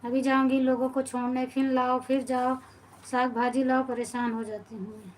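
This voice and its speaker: A woman's voice: sits high, little pitch movement, normal speed, slight background noise, rough recording. A woman in her thirties with an Awadhi-inflected Hindi accent, hosting a casual live stream and chatting with her viewers. She greets them by name and grumbles about how tired and busy she is. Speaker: live-stream host and folk singer.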